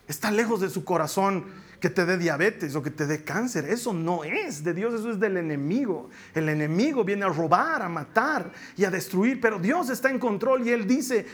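A man's voice: high voice, fairly bright tone. A pastor giving a sermon in church, preaching emphatically with repeated phrases and acting out the voices he quotes. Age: adult with a young daughter.

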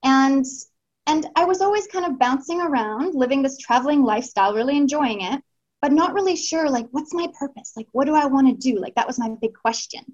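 A woman's voice: high-pitched, fairly quick, a little mellow. Earnest woman on lo-fi call. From Canada. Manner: earnest, heartfelt, many fillers and restarts. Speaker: guest, Tantra teacher. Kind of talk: casual podcast interview.

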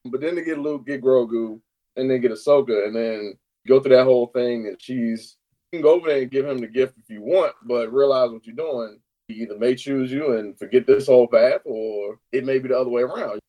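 Excited man chatting casually. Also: mid-range voice, a little fast, dull audio. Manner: excited, animated, swears casually. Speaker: podcast co-host. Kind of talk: casual chat.

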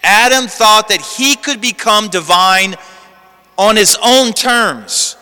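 A male priest speaks from the pulpit with long cathedral reverb trailing his words. His voice is fairly high, bright and clear. He preaches with measured emphasis and deliberate pauses. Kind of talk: homily and Gospel reading. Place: large reverberant church.

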